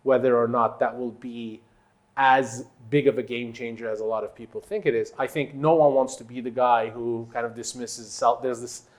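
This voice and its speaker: Interviewed as a company executive, a native Turkish speaker from Turkey answers in halting, conversational phrases, stressing the points that matter to him. His mid-range voice keeps a steady tone.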